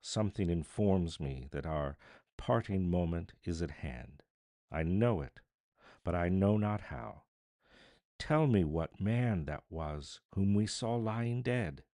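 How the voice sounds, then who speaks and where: A man's voice: low-pitched, lively intonation, slow, warm tone, no echo, studio quality. A man voicing a solemn, anxious older man in a storybook, pleading in a grave and formal manner.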